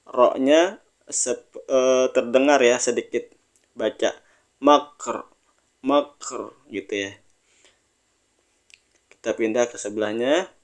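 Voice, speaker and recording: A male teacher leads a step-by-step reading lesson at a slow, patient pace. His voice is smooth and resonant, and he draws each recited word out long before returning to plain, everyday explanation. He keeps inviting the listener to read along with him. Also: mid-range voice. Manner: drawn-out sung recitation of words, then plain explanation.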